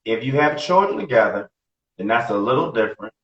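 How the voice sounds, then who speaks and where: A man in his late forties co-hosts a casual podcast, speaking bluntly and profanely in an animated, fairly quick, mid-range voice and often repeating himself. The sound is roomy, distant, dull and lo-fi.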